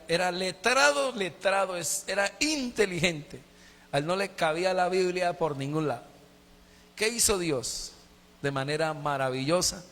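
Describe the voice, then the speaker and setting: Middle-aged Colombian pastor, fairly high-voiced, preaches an emotional testimony that keeps repeating itself, long church reverb. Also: male voice, fairly bright tone. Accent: Colombian Spanish. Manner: emotional storytelling with heavy repetition. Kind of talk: sermon with personal testimony. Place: church sanctuary.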